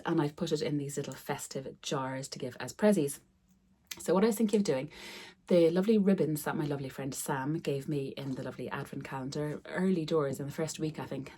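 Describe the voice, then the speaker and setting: An Irish sewing vlogger, a middle-aged woman who is losing her voice, chats casually to the camera from an upstairs room at home, often repeating words for emphasis. Her voice sits low and is a little mellow, and there's slight background noise.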